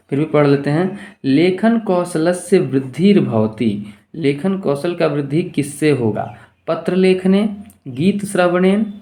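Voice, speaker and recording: A man with a fairly high, mellow voice leads an exam-prep lesson on multiple-choice questions. He reads each question aloud, then explains it by asking the class rhetorical questions, alternating between slow, stretched-out words and quick bursts.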